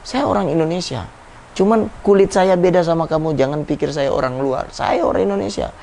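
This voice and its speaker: A man putting on an earnest, insistent higher voice. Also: a little fast, gravelly, mellow, a little hiss or hum. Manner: earnest, emphatic repeating. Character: proud adult man insisting he belongs.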